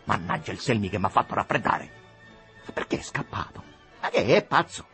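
A man reading a story aloud, voicing an excitable middle-aged man with a cold who bursts into shrill exclamations. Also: moderate pace, faint music behind, heavily acted. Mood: excited.

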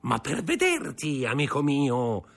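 A man reading aloud voices a crafty, greedy older man who stammers and whines with fawning, tearful flattery. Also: mid-range voice, slow pace, creaky, breathy edge, faint music behind, pitched above the performer's own voice, heavily acted. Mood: wheedling.

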